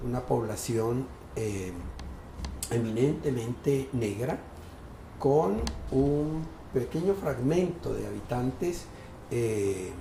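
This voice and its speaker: A man in his sixties from Colombia's Pacific coast, telling a childhood story in a measured, articulate, lyrical way during an interview. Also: mid-range voice, dark tone. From Tumaco, Colombian Pacific coast. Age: 60s. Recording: echoey room with faint background noise.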